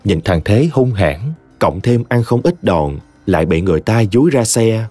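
A man narrating a short story in a dramatic, expressive audiobook reading. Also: on the low side, normal speed. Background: soft music.

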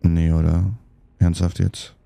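A man's voice: sits low, monotone, slow pace, creaky, warm tone, no echo. A man chatting casually while playing a game, muttering to himself and getting annoyed easily. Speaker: let's play host. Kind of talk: casual gameplay commentary.

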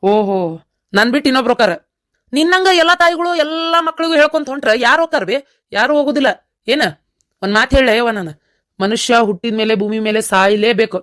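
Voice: medium pitch, fairly even intonation, fast, a bit bright, lightly acted. A performer voicing a stubborn young villager set on becoming a soldier, with a North Karnataka accent, in a cartoon. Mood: determined. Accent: North Karnataka Kannada. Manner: earnest, stubborn. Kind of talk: cartoon voice acting.

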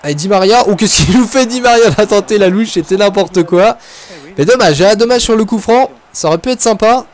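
A man hosting a gaming video, giving casual, excitable commentary as he plays a football game and talks his thoughts aloud. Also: high voice, a little fast. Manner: chatty, excitable, thinking aloud.

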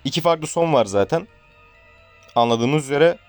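A man's voice: on the high side, lively intonation, measured pace, smooth, faint music behind. A man playing a horror game on his channel, chatting with viewers and reacting to the scares. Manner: chatty, joking, addresses viewers as friends; shouts and pleads at a game character. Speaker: gaming YouTuber.

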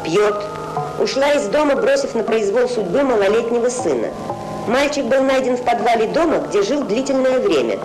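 A documentary narrator from an old Soviet archive film, reading an official case file in a grave, measured tone. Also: mid-range voice, lively intonation, over music, rough recording. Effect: old Soviet documentary narration played from archive film.

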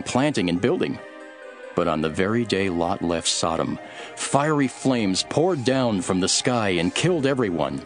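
In a scripture audio drama, Jesus appears as a solemn male teacher telling parables, delivering a solemn warning. His fairly low voice moves expressively as he teaches in a measured way, with soft music running behind him.

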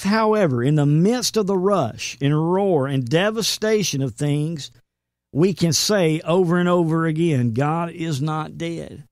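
A man's voice: on the high side, darkish tone, no echo, clean studio sound. A man hosting a faith show, preaching earnestly and quoting scripture. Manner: earnest, emphatic, quotes scripture. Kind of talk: sermon-style commentary.

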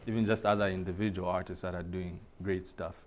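Brief: laid-back male guest artist, very low voice, slight room noise. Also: fast talker. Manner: relaxed, agreeable. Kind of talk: casual interview chat.

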